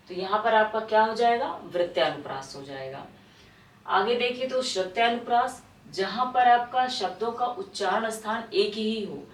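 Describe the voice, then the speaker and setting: Distant woman teacher in an echoey room. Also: mid-range voice. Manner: explanatory, repeats key definitions and asks rhetorical questions; recites example verses slowly. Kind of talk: exam-prep Hindi grammar lesson. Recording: distant mic in an echoey room with faint noise.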